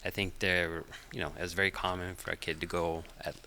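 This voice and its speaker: Deep gravelly Finnish-born man. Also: a little fast, a little hiss or hum. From Finland. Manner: relaxed, hesitant, with many fillers. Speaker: podcast guest. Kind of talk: casual interview chat.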